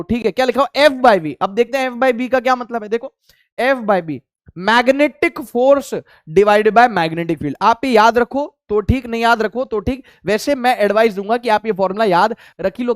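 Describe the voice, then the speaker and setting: A man's voice: high voice, dry recording, studio quality. A male physics teacher giving a casual classroom lecture in Hindi mixed with English, asking questions and then answering them himself. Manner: voices a student's replies to himself.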